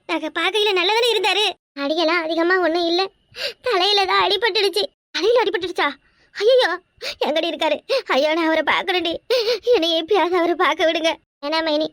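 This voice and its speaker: A woman's voice: very high voice, a bit bright, no echo, studio quality. A woman voicing a distraught young wife in a Tamil cartoon, wailing and accusing in a southern Tamil accent. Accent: southern Tamil Nadu.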